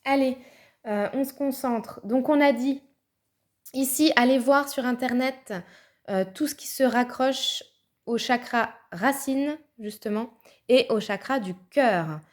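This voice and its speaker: A woman's voice: sits high, slow pace. A woman giving a casual, chatty tarot card reading, thinking aloud with fillers and little laughs. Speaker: tarot reader.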